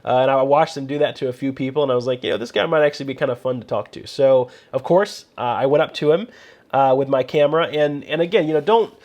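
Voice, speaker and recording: A man's voice: medium pitch, fast, darkish tone. Chatty man telling a photo story. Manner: rambling, chatty, full of "you know" fillers. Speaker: photographer and host. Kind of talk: casual storytelling with photography tips.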